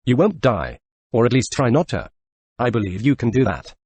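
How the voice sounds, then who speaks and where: A synthetic male text-to-speech voice narrating forum posts, reading short posts back to back in even sentences. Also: medium pitch, moderate pace, slightly rough, no room sound.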